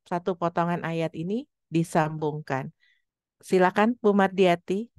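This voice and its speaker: A woman teaching a Quran recitation lesson, explaining patiently and drawing out example words slowly. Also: fairly low pitch, a little mellow, no echo, studio quality. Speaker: tajwid teacher.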